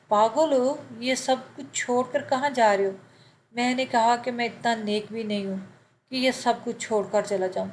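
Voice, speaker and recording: A woman telling a scripted first-person moral story in a steady, even storytelling manner. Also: medium pitch, a little hiss or hum, poor audio.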